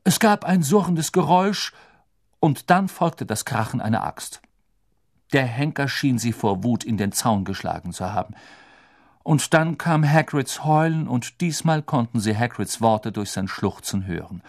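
A man reading a fantasy audiobook aloud, expressive storytelling that voices all the characters. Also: mid-range voice, unhurried. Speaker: narrator.

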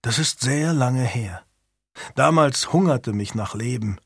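A man reading an audiobook voices a grieving older noble widow, speaking quietly and sadly. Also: medium pitch, lively intonation, takes it slowly, gravelly, slightly rough, no echo, clean studio sound, exaggerated voice. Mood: melancholy.

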